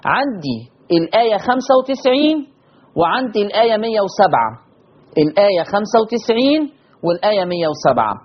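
A teacher with an Egyptian Arabic accent gives a lesson on Quran readings, explaining quickly and then stretching out recited words slowly. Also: medium pitch, sing-song, slightly rough, dull audio.

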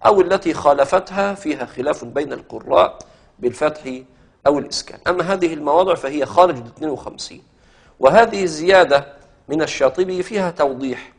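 A man's voice: a little high, breathy edge. Man teaching, chanting verse. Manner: explains step by step, chants verse lines slowly. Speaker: Quran recitation teacher. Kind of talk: lecture explaining a classical poem.

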